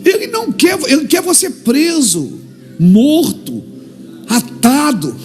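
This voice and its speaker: A man with a Brazilian Portuguese accent preaching an impassioned church sermon, acting out little dialogues and building to shouted climaxes. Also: very high voice, huge pitch swings, slow pace, soft background music.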